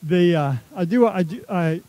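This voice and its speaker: A man from Texas tells rambling, self-deprecating stories at a ceremony in an outdoor stadium. His voice sits a bit high but sounds dark and mellow. He talks through a stadium microphone. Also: normal speed, no room sound, rough recording. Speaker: athletics director. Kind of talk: casual speech at a ceremony.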